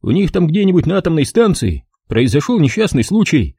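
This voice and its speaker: A man's voice: a little high, big pitch swings, a little fast, gravelly, dark tone, breathy edge, dry recording, studio quality, voice pushed up, exaggerated voice. A man voicing a cheeky young soldier who mocks and rattles on like a know-it-all. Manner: sly, mocking, rattles on.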